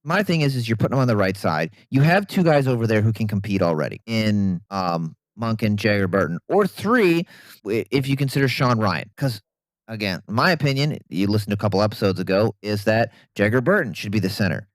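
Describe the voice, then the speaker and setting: A man co-hosting a casual sports podcast, opinionated and animated, breaking down football players with the odd bit of sarcasm. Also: fairly low pitch, brisk, no echo. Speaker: podcast co-host.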